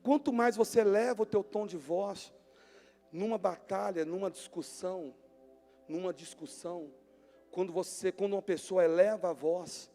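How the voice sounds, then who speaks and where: A man preaching a sermon as pastor, emphatic, swinging between near-shouts and hushed tones. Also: high-pitched. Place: church hall. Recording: long church-hall reverb with music behind.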